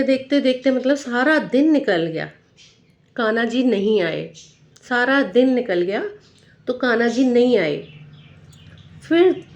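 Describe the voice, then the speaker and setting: A woman with a Braj accent tells a devotional folk tale in an easy, spoken way. Her voice sits somewhat high. She repeats her phrases and stops to explain local words. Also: muffled recording. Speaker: storyteller.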